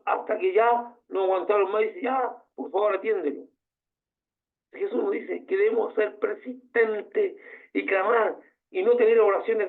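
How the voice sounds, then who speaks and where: A man preaching a sermon as pastor, passionate and full of rhetorical questions. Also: high-pitched. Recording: tinny phone-like sound.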